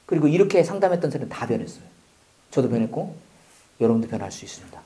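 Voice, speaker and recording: A man preaching a sermon as a pastor, with joking asides, swinging from loud exclamations to near-whispers. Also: mid-range voice, very animated, rapid-fire.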